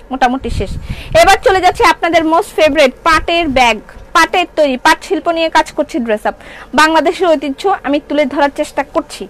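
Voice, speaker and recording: A woman's voice: sits high, poor audio. A middle-aged woman with a Bangladeshi Bengali accent selling clothes on a live stream, chatting and answering viewer comments. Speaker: online shop seller. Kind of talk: live-stream product sale.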